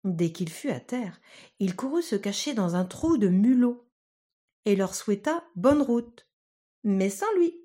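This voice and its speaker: Storyteller, woman, unhurried and husky, reading a children's tale. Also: medium pitch. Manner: slow, calm, measured storytelling. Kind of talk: fairy tale read aloud.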